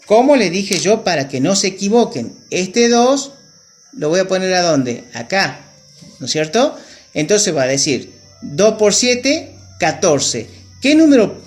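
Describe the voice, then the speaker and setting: High-voiced male teacher, lively swings in pitch, patient and explanatory. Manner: patient, checks with students, repeats key terms. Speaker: chemistry teacher. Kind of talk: classroom lesson at a whiteboard.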